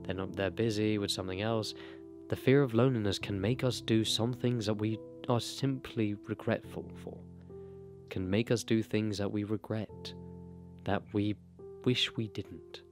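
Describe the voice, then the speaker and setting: Soft background music plays under this young man's low, fairly even voice as he speaks at a normal speed. Close to a desk broadcast mic in a small bedroom, he delivers earnest, motivational self-improvement advice straight to camera in a talking-head monologue.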